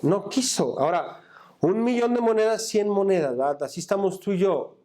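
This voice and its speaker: Guy preaching in a church, lots of "what?" questions to the crowd, reads verses, warm and soft. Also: high-pitched, lively intonation, normal speed. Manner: call-and-response questions to the congregation; reads scripture aloud and comments on it. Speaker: pastor. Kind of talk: sermon.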